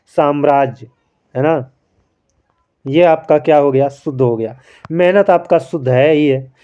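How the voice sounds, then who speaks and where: Patient Hindi grammar teacher, dull lo-fi sound. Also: male voice, on the high side, a little slow. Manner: explains patiently, keeps calling listeners friends; asks questions and answers them himself. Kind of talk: spelling quiz lesson.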